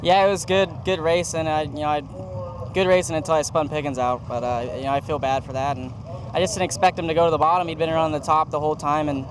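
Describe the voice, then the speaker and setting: Fast-talking male race driver, noisy background. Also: fairly high pitch, steady tone. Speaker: race driver being interviewed. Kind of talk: casual post-race interview. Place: outdoors at a speedway. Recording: clear outdoor engine noise behind.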